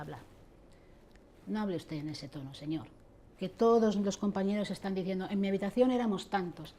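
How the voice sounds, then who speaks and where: A woman's voice: on the low side, dark tone, a little hiss or hum. A middle-aged woman, answering interview questions in an impassioned, indignant way and addressing church leaders directly. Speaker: interviewee, abuse survivor advocate.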